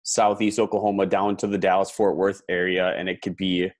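A man from Wisconsin, a teacher and coach, hosting a casual podcast interview in a relaxed, friendly way. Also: sits low, fairly quick. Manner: relaxed, friendly, lots of fillers.

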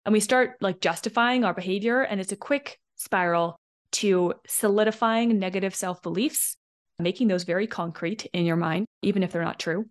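Woman, podcast host, coach, chatty, animated, mid pitch. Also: normal speed. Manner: animated, chatty, acts out little quoted lines. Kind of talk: solo podcast talk.

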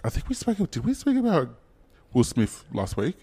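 A man's voice: on the high side, wildly swooping pitch, moderate pace, dark tone, slightly rough. A man, co-hosting a podcast in casual chat, gossiping animatedly and swearing a lot. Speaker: podcast co-host.

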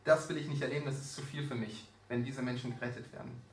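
A man's voice: mid-range voice, fairly even intonation, fast, a little hiss or hum, close to an everyday voice. A man voicing a proud, angry male prophet who speaks in bitter, indignant outbursts. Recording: roomy echo, distant mic.

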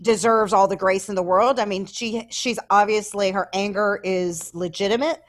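Animated woman from the American South. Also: medium pitch, moderate pace. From Southern United States. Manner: animated, laughing, playful. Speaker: podcast co-host. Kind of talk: casual chat.

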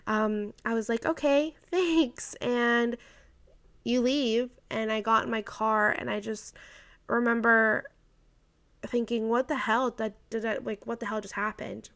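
Her voice sits fairly high and a bit bright, though the delivery is flat and unhurried. The twenty-something vlogger recounts a personal story full of "like" and quoted dialogue, growing emotional and laughing occasionally.

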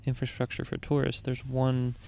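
Young man, casual travel chat, mellow, steady pitch, unhurried explaining. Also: gravelly, slight background noise. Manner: easygoing, explanatory, hesitant fillers.

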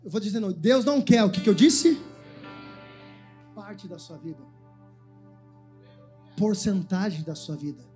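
A man's voice: high-pitched, unhurried, pauses often, warm tone, soft background music. A man preaching a sermon as pastor, giving the congregation commands to repeat after him. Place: church.

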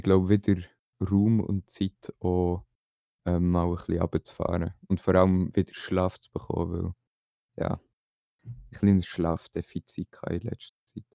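A man's voice: deep voice, dark tone, smooth, dry recording, studio quality. A young man, chatting casually as a podcast co-host. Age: late teens.

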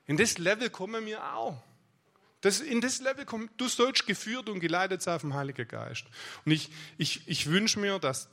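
Guy preaching, high bright voice, shouts out declarations then talks it through. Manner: emphatic, declaring prayer lines loudly then explaining conversationally. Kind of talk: sermon.

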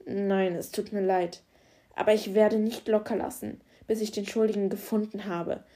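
A driven male police officer, firm and commanding yet caring, read by a woman in an audiobook. Her voice stays mellow and mid-pitched, just somewhat louder for his lines. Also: little pitch movement, normal speed, natural voice. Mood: reassuring.

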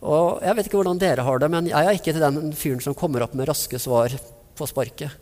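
A man's voice: fairly high pitch, a little mellow. A man preaching a sermon, retelling stories vividly and acting out the people in them. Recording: long reverb of a large hall.

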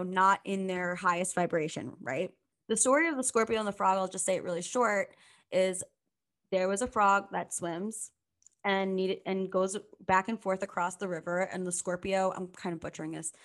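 Chatty young woman telling a story. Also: mid-range voice. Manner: chatty, storytelling, laughs often. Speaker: podcast co-host. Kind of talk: casual chat recapping a reality show.

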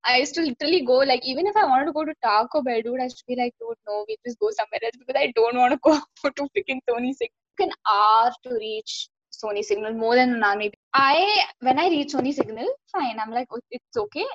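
A young woman, telling an animated story in casual chat and swearing freely. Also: sits high, quick pace, hardly any pauses, no echo, highs cut off. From India. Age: young adult.

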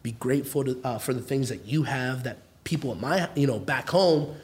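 A man from Mexico, a restaurant founder appearing as a podcast guest, who speaks in a calm, reflective way in short, measured phrases. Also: medium pitch. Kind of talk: casual podcast interview.

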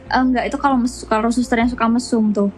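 A woman's voice: on the high side, fairly even intonation, fast, darkish tone, soft background music. A young woman, telling a story animatedly as co-host of a casual chat. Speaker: podcast co-host.

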